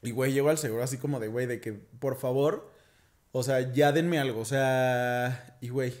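A man's voice: medium pitch, fairly even intonation, moderate pace, a little mellow. A young man with a Mexican accent, chatting casually as a podcast co-host, slangy and profane as he tells his story. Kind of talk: casual chat.

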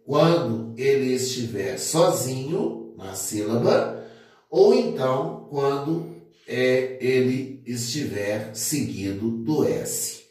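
Slow, methodical teacher in echoey room. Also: male voice, mid-range voice, big pitch swings, darkish tone, soft background music. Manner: methodical, repeats points, many fillers. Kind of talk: grammar lesson at a board. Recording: echoey room, distant mic.

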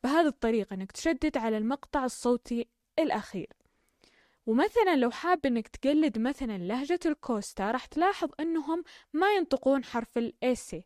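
A woman with a slightly high voice runs a casual spoken lesson at a quick clip. She explains step by step in a chatty way. The close-mic recording is dry, with no room sound. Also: darkish tone, dry recording. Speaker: language-learning podcast host. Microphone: close mic, recorded voice message.

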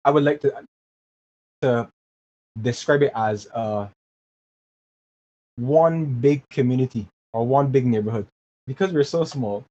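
Medium-pitched and mellow, he speaks a little slowly and leaves long pauses. A man in his 20s from Barbados, he's an earnest guest in a casual interview who often repeats words as he reaches for them, heard over dull, lo-fi remote audio with faint hiss.

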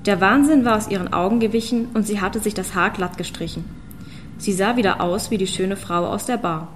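A woman's voice: mid-range voice, brisk, a little hiss or hum. Woman narrating a fantasy audiobook. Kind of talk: scripted narration.

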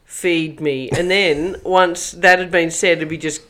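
A woman's voice: on the low side, steady tone, a little slow, a bit bright. An Australian woman co-hosting a podcast in casual chat. She is chatty, laughs often and swears casually. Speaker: podcast co-host.

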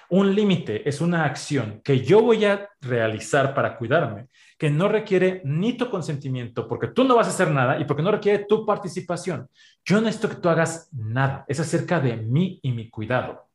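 A man with a Mexican accent in a podcast conversation, explaining ideas with everyday examples in an animated way. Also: fairly high pitch. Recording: roomy echo.

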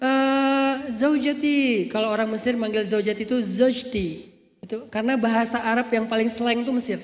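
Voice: mid-range voice, level tone, fairly quick, darkish tone. Playful religious storyteller with jokey asides, recorded in a reverberant hall. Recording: echoey hall with long reverb.

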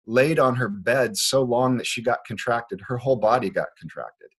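A man's voice: mid-range voice, normal speed, fairly bright tone, husky. A man from Liberia, a foot doctor, explaining his views in an earnest, conversational way with frequent restarts. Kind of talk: conversational interview. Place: Portland, Oregon clinic.

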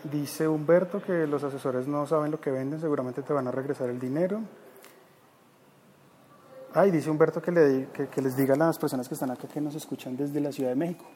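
A man with a Bogotá Colombian accent hosts a live podcast in a chatty, casual way. His voice sits a bit high, yet its tone is mellow and soft. Faint noise can be heard behind him. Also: fairly even intonation, brisk. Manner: chatty, reads viewer comments aloud. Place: company office.

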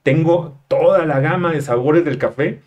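A man's voice: on the high side, moderate pace, muffled recording. A man from Mexico with a Mexican Spanish accent, hosting a casual talk show, chatty and slangy as he reads viewer questions. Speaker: host. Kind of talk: casual interview chat.

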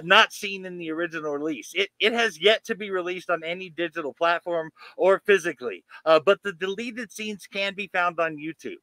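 A man's voice: high-pitched, bright, forceful tone, no echo, low-quality recording. A man co-hosting a horror podcast, eagerly running through lists of names, dates and production facts in a casual way. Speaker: podcast co-host. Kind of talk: casual chat reading background facts.

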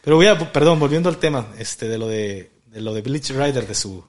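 Relaxed host, slangy. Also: male voice, mid-range voice, fairly quick. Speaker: podcast host. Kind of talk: casual interview chat.

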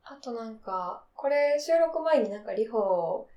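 A young woman in her twenties co-hosting a casual podcast, often pausing to search for words. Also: fairly high pitch, animated, distant mic, muffled recording. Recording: roomy, off-mic.

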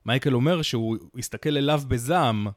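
A man's voice: medium pitch, no room sound, studio quality. Chatty male podcast co-host. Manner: chatty, recounts events with many fillers and quips. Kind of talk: casual storytelling chat.

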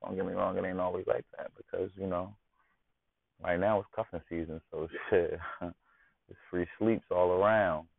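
Male podcast host, low and gravelly, streetwise casual talk, dry phone-quality audio. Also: steady tone, normal speed, dry recording. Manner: slangy, constantly asks "you know what I'm saying". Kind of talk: casual monologue. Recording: tinny phone-like dry sound.

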